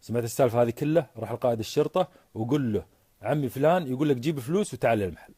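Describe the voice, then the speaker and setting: A man voicing an unflappable old tailor who speaks few words, low and quiet. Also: animated, racing, slightly rough, no echo, studio quality. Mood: curt. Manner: curt, quiet, laconic. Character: terse, unruffled old male tailor.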